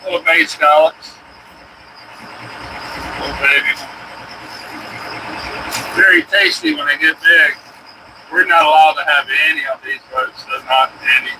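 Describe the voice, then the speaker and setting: A man's voice: fairly high pitch, sing-song, a little slow, pauses often. A man chatting casually as he works outdoors on a shrimp boat, a fisherman hosting a live stream. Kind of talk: casual chat while working on a boat. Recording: loud boat motor noise. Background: loud motor and vehicle-like noise.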